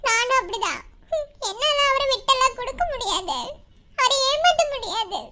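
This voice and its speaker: A woman voicing a timid young college girl in a cartoon, pleading softly through tears. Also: lively intonation, moderate pace, exaggerated voice. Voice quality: very high, bright voice. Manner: pleading, soft and tearful. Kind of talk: animated cartoon voice acting.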